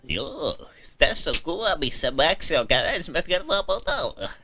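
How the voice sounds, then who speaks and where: Hessu, a high, goofy cartoon dad. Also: male voice, very animated, bright, forceful tone, no room sound, studio quality, heavily acted. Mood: fond reminiscing. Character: goofy, well-meaning, chatty cartoon dad. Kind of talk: amateur comedy cartoon dub.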